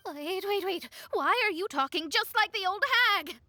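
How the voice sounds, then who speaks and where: A woman's voice: very high voice, moderate pace, pushed and bright. A woman voicing an indignant young female apprentice in a video game.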